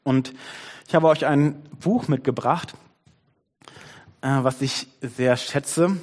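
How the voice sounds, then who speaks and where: A man preaching a conversational sermon on his worship team's behalf, shifting his pace and dropping to soft tones. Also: mid-range voice, slow pace, big-room sound. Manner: conversational, varies pace, softens to near-whisper. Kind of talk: sermon with a storybook reading.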